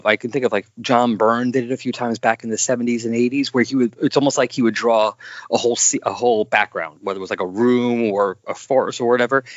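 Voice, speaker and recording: A man of middling pitch talking casually about comics, rambling and cutting himself off to restart his sentences. The recording is dry and muffled, with a lo-fi dullness. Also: dry recording. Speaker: podcast co-host discussing comics. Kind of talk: casual chat. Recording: dull, dry lo-fi sound.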